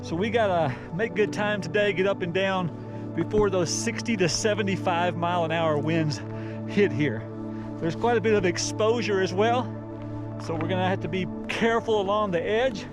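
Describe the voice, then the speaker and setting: A man's voice: sits high, moderate pace. A man vlogging a mountain hike outdoors, explaining the trail in an upbeat way and short of breath from climbing. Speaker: travel vlogger. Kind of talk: hiking vlog narration. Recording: music playing behind.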